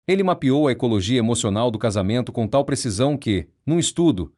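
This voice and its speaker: Steady male audiobook narrator. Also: mid-range voice. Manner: measured, steady, explanatory. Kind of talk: nonfiction audiobook reading.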